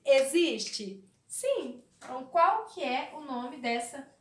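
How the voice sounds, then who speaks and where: A woman's voice: high-pitched, big pitch swings, reverberant. A woman teaching a literacy lesson to young children with a Brazilian Portuguese accent, speaking in a sing-song way and answering her own questions. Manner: sing-song, slow and drawn out, asks questions and answers them herself. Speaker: primary school teacher.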